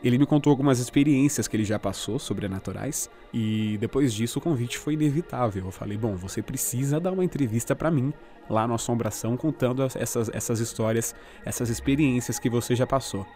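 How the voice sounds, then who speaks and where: A man's voice: medium pitch, brisk, dark tone, faint music behind. Brazilian male host introducing a guest. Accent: Brazilian Portuguese. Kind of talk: show introduction.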